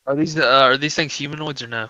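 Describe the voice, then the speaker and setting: A man with a bright, sharp tone playing a tabletop game. He thinks aloud and pauses to choose his words. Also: fairly high pitch, steady tone, no echo, lo-fi sound. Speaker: player. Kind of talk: tabletop game planning chat.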